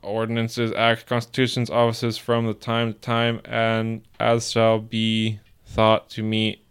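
A man putting on an old-timey voice to slowly and solemnly read an old charter aloud. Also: lowish voice, monotone, clear, resonant tone. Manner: slow, stately recitation. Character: old-timey male document reader, solemn and grand.

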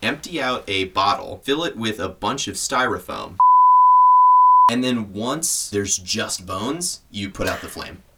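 A man co-hosting a podcast in casual chat, cracking dark jokes. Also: lowish voice, unhurried, heavy background noise. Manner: joking, dark deadpan humor. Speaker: podcast co-host.

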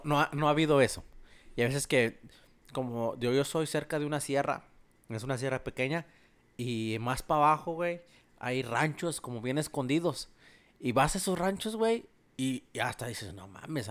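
A man's voice: mid-range voice, moderate pace, clean tone. Joking Mexican man in casual chat. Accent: Mexican Spanish. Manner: loose and joking, many fillers and restarts.

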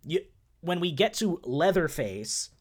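A man's voice: fairly high pitch, sing-song, measured pace, slightly rough. A man co-hosting a podcast in casual chat, rambling and correcting himself as he talks, often laughing. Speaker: podcast co-host.

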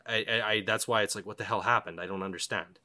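A man in casual conversation telling a survival story, profane and animated, often acting out his own thoughts. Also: fairly low pitch, fast.

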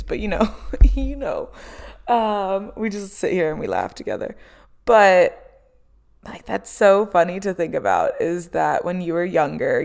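Chatty gravelly woman in her twenties. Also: mid-range voice. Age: 20s. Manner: chatty, lots of "um" and "like", laughs often. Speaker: podcast host. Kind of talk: casual solo chat.

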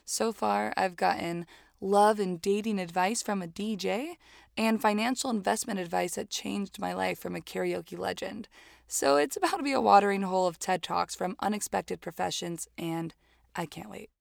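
Creaky-voiced woman co-host inside a closet. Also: mid-range voice, moderate pace, dry recording, clean studio sound. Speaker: podcast co-host. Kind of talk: casual, bantering chat. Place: walk-in closet in a small apartment.

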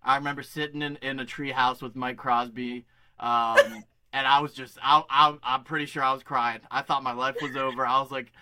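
A man's voice: medium pitch, fairly even intonation, normal speed, noisy background. A man co-hosting a podcast, chatting casually and telling a rambling, self-deprecating story. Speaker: podcast co-host. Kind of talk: casual chat.

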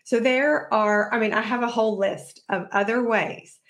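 A woman's voice: a little high, fairly even intonation, normal speed. Upbeat woman podcaster. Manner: chatty and upbeat, acts out quoted kids and moms. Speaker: podcast host and parenting coach. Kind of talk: casual solo podcast talk.

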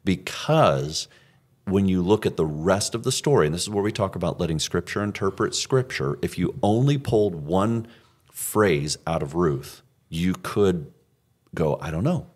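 A pastor casually talking over a recent sermon, thinking aloud with frequent restarts. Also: male voice, low-pitched, expressive, a little slow, darkish tone.

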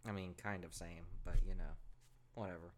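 A man's voice: sits low, little pitch movement, brisk. A man in his twenties co-hosting a podcast, rambling in casual chat, swearing and poking fun at himself. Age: 20s. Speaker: podcast co-host.

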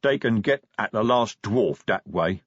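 Man playing a big slow troll sergeant, plodding and patient, husky, dry close sound. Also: on the low side, animated, dry recording. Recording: dry, slightly dull audiobook sound.

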